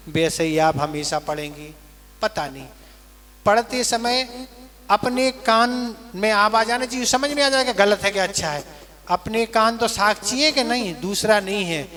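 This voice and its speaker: Man, high voice, unhurried, patient teacher chanting verses, long hall echo. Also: a bit bright. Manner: patient teacher, chants verse slowly, then explains line by line. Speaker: Jain monk teaching scripture recitation. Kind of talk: slow scripture class.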